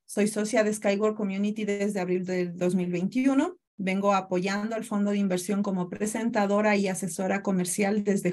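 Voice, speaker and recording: A woman's voice: medium pitch, darkish tone. A woman from Ecuador in her thirties presents a webinar over a video call, speaking courteously and explaining step by step. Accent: Ecuadorian Spanish. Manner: courteous, greets attendees by name, explanatory. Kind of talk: online presentation.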